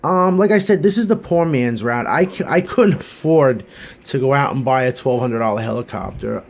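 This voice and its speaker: A man talking through a casual hobby gadget review at a middling pitch. He rambles in a chatty, earnest way, full of fillers and restarts. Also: normal speed, vocal fry.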